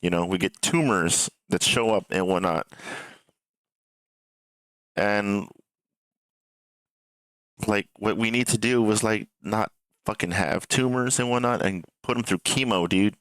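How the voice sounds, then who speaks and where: Deep, gravelly man rambling casually. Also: measured pace, long pauses, fairly bright tone, no room sound, rough recording. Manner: hesitant, repetitive, meandering delivery; swears casually. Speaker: streamer reacting to gaming news.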